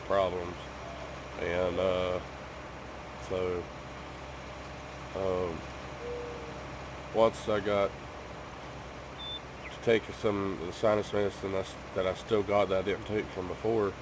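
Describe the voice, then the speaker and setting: Here a gaming YouTuber, sick and coughing, rambles casually to the people watching from home. His voice sits low, there's noise in the background, and he keeps saying um and starting over.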